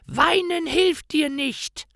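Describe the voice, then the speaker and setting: A man voicing a wicked old female witch, in a high sneering falsetto with slow, drawn-out words. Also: vocal fry, bright, forceful tone, no room sound, studio quality, full character voice. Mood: harsh scolding.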